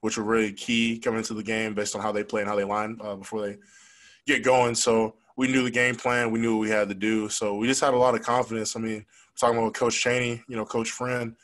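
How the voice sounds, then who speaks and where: In a press room with a logo backdrop, a young college football player speaks into a stand-mounted desk mic at a post-game press conference. His lowish, fairly bright voice has little pitch movement. He answers reporters in a frank, fast, conversational way with plenty of fillers, and the recording quality is low.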